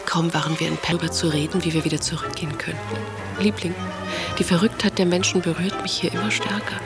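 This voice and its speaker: A woman's voice: lowish voice, level tone, fast, lightly acted. An actress playing a passionate aristocratic woman writer, reading her letters in an intimate, often half-whispered voice over music. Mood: musing. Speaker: letter-writing lover. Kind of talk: radio drama reading of letters.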